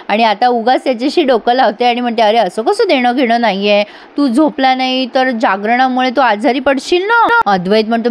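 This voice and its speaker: A woman narrating a recap of a TV serial episode, acting out each character's lines with lively emphasis. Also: fairly high pitch. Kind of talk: voice-over recap acting out dialogue.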